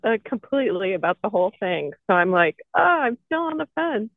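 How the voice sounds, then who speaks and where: A woman's voice: mid-range voice, very animated, fairly quick, no room sound. A woman calling in to a radio show over the phone, chatty and cheerful. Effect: phone line on a radio call-in. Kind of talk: casual chat. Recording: tinny phone line, dry.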